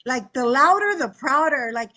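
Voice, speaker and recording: A woman in her forties speaking on a conference panel, energetic and emphatic, often tagging her points with "right?". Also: fairly high pitch, normal speed. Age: 40s. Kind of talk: panel discussion.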